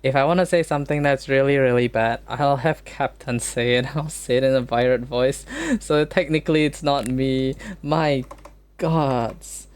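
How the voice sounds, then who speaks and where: A man streaming casually, arguing playful debate prompts with joking disbelief and quick exclamations. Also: mid-range voice, steady tone, clear, resonant tone. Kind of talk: casual solo stream chat.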